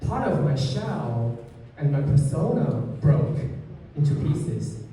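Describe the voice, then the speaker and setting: A man's voice: mid-range voice, very animated, slow, warm tone, a little hiss or hum. A man from China, a sculptor on a gallery panel, speaking hesitantly with many fillers. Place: gallery event space. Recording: echoey hall, distant mic.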